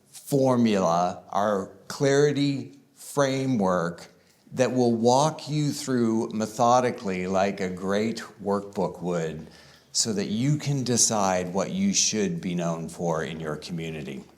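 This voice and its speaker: Conference speaker, male, lowish voice, slow and deliberate, conversational with stretched-out emphasis. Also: darkish tone. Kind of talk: conference talk to pastors. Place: conference room with live audience.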